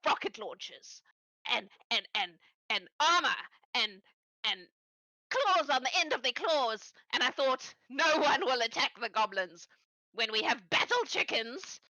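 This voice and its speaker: A small male goblin tinkerer, frantic and rambling, his voice shooting up high and bright into panicked yelps , played by a woman. The dry sound has no room echo. This is tabletop game role-play. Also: big pitch swings, a little slow, full character voice.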